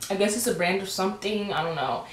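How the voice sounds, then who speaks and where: A woman's voice: mid-range voice, fast talker, echoey room. A young woman chatting casually through a clothing try-on haul, giggly and often stumbling over her words. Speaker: vlogger.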